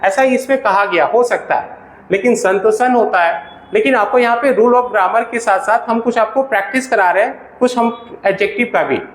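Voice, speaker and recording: A man's voice: high-pitched, normal speed, reverberant, rough recording. A man with an Indian accent teaching an English grammar lesson for exam preparation. He keeps asking questions and answering them himself. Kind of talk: classroom-style grammar lesson.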